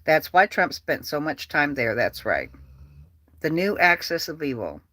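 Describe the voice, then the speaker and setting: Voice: mid-range voice, very animated, unhurried, pushed and bright, dry recording. Heated, profane political ranter. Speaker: political vlogger. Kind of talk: angry political rant.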